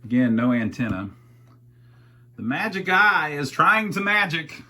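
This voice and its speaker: A man with a highish, very animated voice, unhurried and pushed-bright in tone, casually thinks aloud while narrating a hands-on repair with folksy, wry humor. He's an amateur radio repairer who hosts videos.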